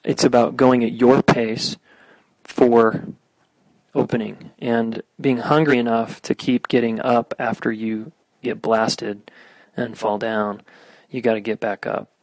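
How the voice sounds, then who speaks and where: A man giving guided meditation instruction as a teacher, speaking in short, unhurried phrases with an earnest spiritual-healer manner. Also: medium pitch, flat delivery, no room sound, rough recording.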